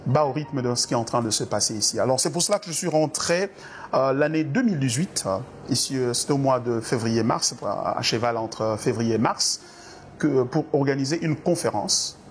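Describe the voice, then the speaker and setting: A Congolese pastor talks through church doctrine in an interview, at an ordinary mid pitch. His delivery is earnest and sermon-like, full of hesitations and repeated words. A faint hiss sits under the recording. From Democratic Republic of the Congo. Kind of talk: interview answers on faith.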